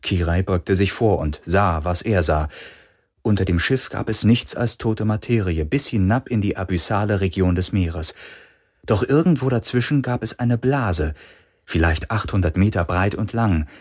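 A man reading an audiobook as narrator in a slow, deliberate way. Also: low-pitched, animated. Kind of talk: scripted narration.

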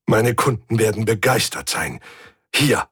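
A man voicing an enthusiastic four-legged alien antique dealer who murmurs slowly and sounds enraptured. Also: on the low side, very animated, fairly bright tone, husky, no echo, clean studio sound, heavily acted.

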